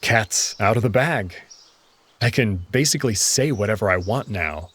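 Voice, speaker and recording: Reading scripted narration dramatically, a man hosts a playthrough of a visual novel while music plays behind him. His somewhat low voice is animated and a bit bright, at a moderate pace, with a slight hiss or hum in the recording.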